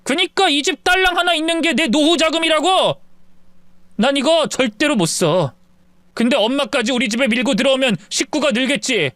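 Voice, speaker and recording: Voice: high voice, expressive, moderate pace, a bit bright, no echo, studio quality. A narrator doing a cold, irritable middle-aged husband.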